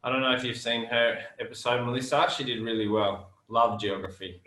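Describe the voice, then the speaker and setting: A man's voice: mid-range voice, flat delivery, a little fast, a bit bright. A man hosting a casual game show, chatting along in self-deprecating host patter. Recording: roomy echo, music underneath.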